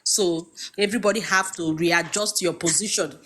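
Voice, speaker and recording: A woman's voice: on the low side, fairly even intonation, normal speed, fairly bright tone, soft background music. A woman joining a live stream to chat, hesitating with fillers and laughing as she talks. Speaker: audience member. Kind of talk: casual chat.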